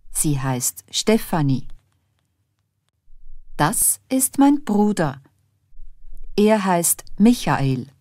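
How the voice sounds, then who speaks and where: Cartoon lesson: a nine-year-old girl, very slow and clearly enunciated, dry booth. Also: lowish voice, a little mellow, no echo. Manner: clear, careful enunciation for learners. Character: nine-year-old schoolgirl introducing her family. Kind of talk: slow scripted language-lesson reading. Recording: dry studio voice-over.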